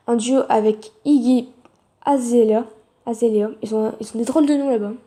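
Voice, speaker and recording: A young woman with a mellow voice pitched a little high chats in a fan vlog. She reads from a draft, halting, restarting words and apologizing for slips. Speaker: fan vlogger. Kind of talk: casual vlog reading from notes.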